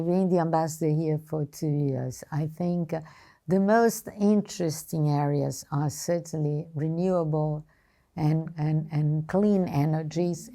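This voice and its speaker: Brazilian-accented woman diplomat, low and gravelly, careful and hesitant interview delivery, Portuguese native. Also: warm tone. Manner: hesitant, halting, choosing words carefully. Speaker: ambassador being interviewed. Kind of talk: formal interview answers.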